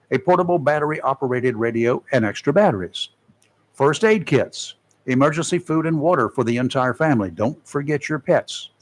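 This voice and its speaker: A man hosting a local radio talk show, reading safety tips with folksy, joking asides. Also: mid-range voice. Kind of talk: casual radio talk and read-out segment. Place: radio studio.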